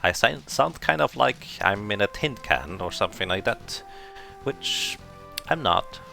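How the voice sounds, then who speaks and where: A man chats and thinks aloud while streaming a game, his low, gravelly voice squeezed into a sharp, tinny tin-can sound by a makeshift microphone. Faint game music plays underneath. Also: lively intonation, a little slow. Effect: tinny tin-can sound from a substitute microphone. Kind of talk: casual live game-stream commentary. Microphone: substitute microphone.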